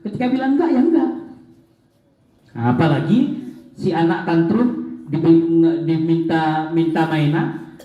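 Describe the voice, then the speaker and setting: A high-pitched yet mellow male voice with a lilt, giving a seminar to parents. He talks in a lively, joking way and jumps up in pitch to stress his points. The sound is dull and lo-fi, with hall echo. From Aceh, Indonesia. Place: large hall.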